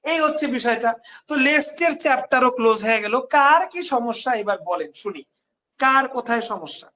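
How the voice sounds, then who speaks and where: A man's voice: very high voice, expressive, moderate pace, pushed and bright, soft background music. A man from Bangladesh teaching English grammar in a live online class, repeating key points and asking questions back to his students. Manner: repetitive, drilling questions and answers.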